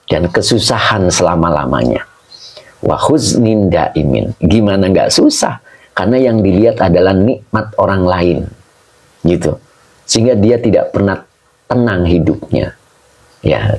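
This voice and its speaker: Male religious teacher, gravelly low voice, slow and patient. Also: low-quality recording. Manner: slow, explaining Arabic grammar, greeting viewers by name. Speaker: Islamic teacher. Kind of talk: live-streamed kitab study lesson.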